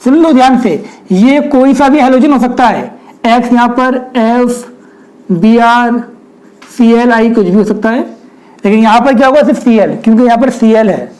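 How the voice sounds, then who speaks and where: A man's voice: extremely high pitch, moderate pace, a little mellow, poor audio. Man teaching chemistry, quizzing students. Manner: repeats rhetorical questions, addresses students directly. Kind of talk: whiteboard lecture.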